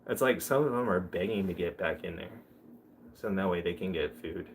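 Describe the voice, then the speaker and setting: A man's voice: low-pitched, a little fast, slight background noise. A young man chatting casually on a livestream, telling rambling, joking stories. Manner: rambling storyteller, loose and joking. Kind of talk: casual live chat.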